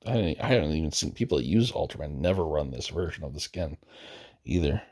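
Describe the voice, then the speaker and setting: With an extremely low, darkish voice and a breathy edge, this gaming video host talks fast and animatedly while scrolling through a game roster. His commentary is casual and meandering, full of hesitation and self-correction, and he is losing his voice.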